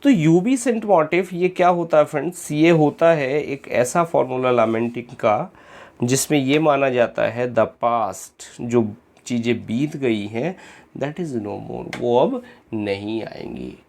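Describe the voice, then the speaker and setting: A man with an Indian English accent teaching English literature in an online exam-prep lecture. He explains in Hindi mixed with English terms, reads questions slowly and keeps addressing his students as friends. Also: medium pitch, vocal fry, a little mellow.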